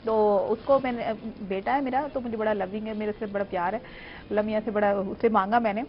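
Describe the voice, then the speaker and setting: A woman's voice: medium pitch, steady tone, muffled recording, slight background noise. A woman who is a mother and a guest on a talk show, telling a personal story in a modest, chatty way. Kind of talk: casual talk-show chat.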